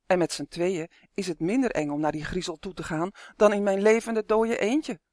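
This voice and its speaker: A reader voicing a gentle, kind elf who speaks softly and reassuringly. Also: medium pitch, normal speed, no room sound, studio quality, natural voice.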